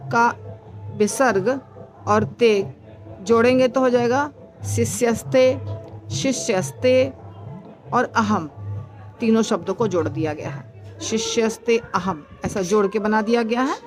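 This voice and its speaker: A woman teaching the recitation and meaning of a Sanskrit verse, explaining slowly and patiently, breaking words into syllables and repeating them, with frequent fillers and self-corrections. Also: on the high side, faint music behind. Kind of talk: slow explanatory lesson.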